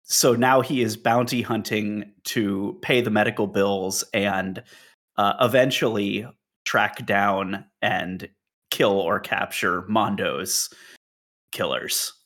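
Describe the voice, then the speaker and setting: A man describing his tabletop game character in a halting way, with fillers. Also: on the low side, steady tone, fairly bright tone. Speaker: player.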